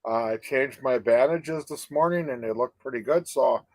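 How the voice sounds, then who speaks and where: A man's voice: medium pitch, moderate pace, dry recording, low-quality recording. An older man chats casually on a live stream. His speech rambles with false starts and trailing "you know?" tags. The sound is dry and close, with no room around it. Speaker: co-host of a live advocacy chat.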